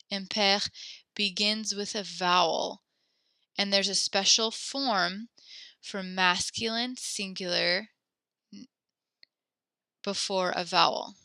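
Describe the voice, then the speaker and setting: A young woman running an online French class speaks in a medium pitch with a sharp but clean tone. She's close to her headset or desk mic, the audio has no echo, and she sounds a touch out of breath. Encouraging and patient, she takes learners through each step.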